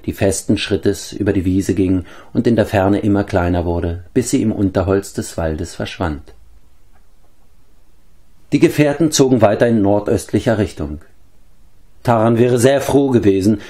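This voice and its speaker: Guy reading a storybook aloud, low voice, calm and measured. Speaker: audiobook reader. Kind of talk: storybook narration.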